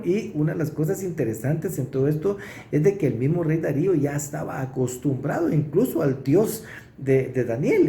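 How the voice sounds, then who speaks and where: A man gives an expository sermon, walking through the verses and stopping to stress key points. His voice sits a little high yet sounds deeply mellow and dark, with a lively, swinging pitch. The room around him rings with noticeable echo. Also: slight background noise. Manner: explanatory, pauses to stress verses. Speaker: preacher. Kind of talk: expository Bible teaching. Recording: roomy echo.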